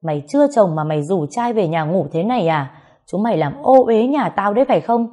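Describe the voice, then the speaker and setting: For an audio story, a woman plays an abusive middle-aged mother screaming insults at her daughter in furious, harsh, scolding shouts. Her mid-range voice is expressive, brisk and mellow, close to how she normally talks.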